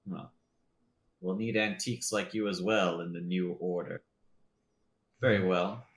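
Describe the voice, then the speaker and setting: A man's voice: low voice, fairly even intonation, unhurried, reverberant, pitched below the performer's own voice. A man voicing a haughty noble lord in a tabletop game, formal and dismissive. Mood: cool, condescending.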